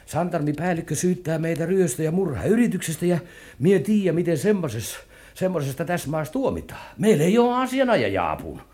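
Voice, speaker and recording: An actor playing a brash, hot-headed adventurer who speaks Viipuri Karelian dialect, in a 1950s radio drama. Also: male voice, fairly high pitch, big pitch swings, darkish tone. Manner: brash, blunt, impatient. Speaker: adventurer hero in a radio serial. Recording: hissy old radio broadcast.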